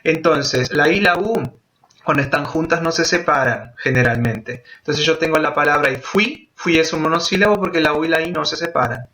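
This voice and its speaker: Man, grammar teacher, bright tense voice, slightly high, patient explaining, drawn-out example words. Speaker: Spanish teacher. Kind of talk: grammar lesson for Portuguese speakers.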